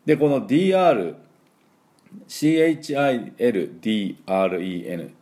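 A man giving a chatty English pronunciation lesson, with lots of fillers, who slowly sounds out model words. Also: lowish voice, lively intonation, mellow. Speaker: English teacher. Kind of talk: casual spoken English lesson.

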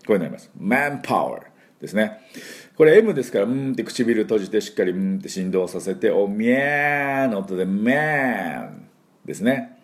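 Teaching English pronunciation as a host, a middle-aged man acts out the sounds with playful flair and leads over-the-top drills for listeners to repeat. He has a lowish voice and moves at a quick pace.

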